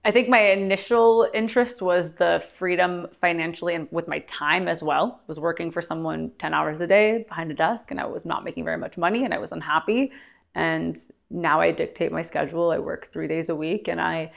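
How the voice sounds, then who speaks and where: A woman's voice: fairly low pitch, fairly even intonation, a little fast, gravelly. A young woman from California speaking frankly and reflectively as an interview guest, with frequent filler words. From Glendale, California. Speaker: guest, adult performer. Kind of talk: candid interview conversation.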